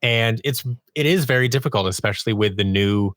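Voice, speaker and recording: This man's voice sits fairly low and moves briskly, with a fairly bright tone, captured dry in a clean studio. As a podcast guest who works as an audio drama producer and sound designer, he tells stories about his creative projects in a relaxed interview and performs bits of quoted dialogue.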